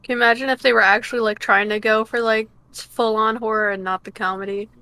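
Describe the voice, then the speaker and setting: A woman's voice: a little high, steady tone, fast, pushed and bright, clear, resonant tone, dry recording. A woman co-hosting a podcast, chatting casually and joking, laughing often. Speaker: podcast co-host. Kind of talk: casual chat.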